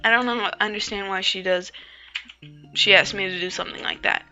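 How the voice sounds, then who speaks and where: A woman's voice: medium pitch, steady tone, brisk, sharp tone, lo-fi sound, soft background music. A woman voicing a reluctant, self-conscious teenage boy who narrates the story in the first person. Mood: grudging.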